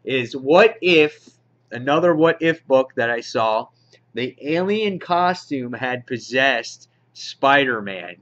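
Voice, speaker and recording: This comic book reviewer speaks with a fan's excitement directly to his audience in a casual, unscripted vlog on his channel. Mid-range in pitch, he talks slowly and expressively with a fairly bright tone. The home recording is dull and lo-fi.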